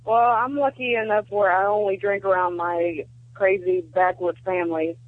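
A woman's voice: mid-range voice, steady tone, moderate pace, no echo. A woman in her twenties with a Southern US accent, calling a show, sounding tired, reserved and hesitant as she chats casually. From Georgia, United States. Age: 20s. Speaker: radio show caller. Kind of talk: casual phone-in chat. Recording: dull band-limited phone call.

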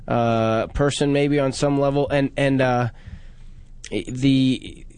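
A man's voice: medium pitch, fairly even intonation, slow, a little mellow, clean tone, dry recording. A man hosting a call-in radio show, joking and self-deprecating, often restarting his sentences. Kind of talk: casual call-in talk.

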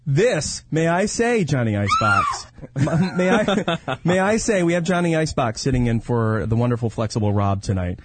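A man co-hosting a podcast in casual banter, animated and often repeating his phrases. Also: fairly high pitch, moderate pace, few pauses, slight background noise. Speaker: podcast co-host.

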